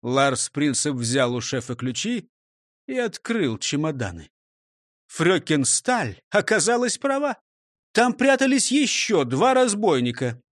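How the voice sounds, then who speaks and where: A man reads a story aloud in a high voice with lively telling. The sound is dry and close to the mic, with no room echo. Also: a little slow. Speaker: narrator. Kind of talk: audiobook narration.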